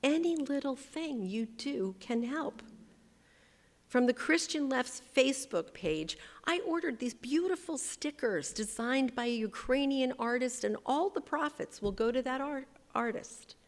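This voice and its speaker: A woman's voice: high-pitched, animated, unhurried, in a large hall. A woman pastor giving a sermon, speaking emphatically and leading the congregation in call-and-response. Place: church sanctuary.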